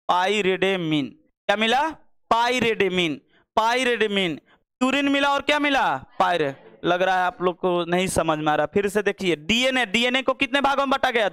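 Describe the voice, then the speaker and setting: A young man with a high, fairly bright voice teaches a classroom-style biology lesson, recorded clean with no echo. He asks questions and repeats the answers over and over.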